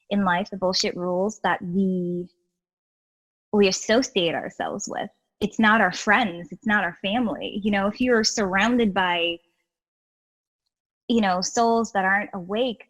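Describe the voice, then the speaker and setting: A woman from Guyana with a mid-range voice, heard on a low-quality recording, is a healer and educator appearing as a guest in a casual interview. She talks in an animated, earnest way, with lots of "you know"s, restarts and asides.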